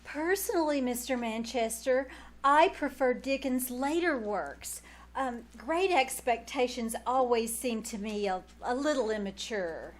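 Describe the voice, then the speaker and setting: A woman playing a prim, bashful, bookish aunt, halting and genteel, in 1940s radio comedy style on a live stage recording. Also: fairly high pitch, animated. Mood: genteel, shy. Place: small-town theater stage, live performance.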